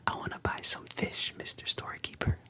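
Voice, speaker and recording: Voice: fairly quick, bright, forceful tone, lightly acted. Luffy, a defiant boy, whispered by the narrator. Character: boyish hot-headed young pirate hopeful. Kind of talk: ASMR whispered retelling of a cartoon.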